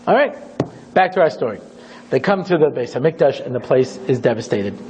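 A man, a rabbi, giving an animated storytelling lecture and acting out scenes dramatically. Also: mid-range voice, fairly quick, slight background noise. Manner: dramatic, theatrical, acts out scenes. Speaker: rabbi teaching a class. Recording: dull lo-fi recording.

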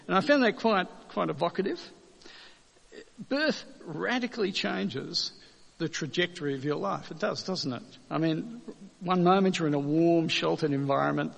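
A man preaching a sermon in a conversational way, asking rhetorical questions and slowing down to stress key words. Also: a little high, gravelly, fairly bright tone, in a large hall.

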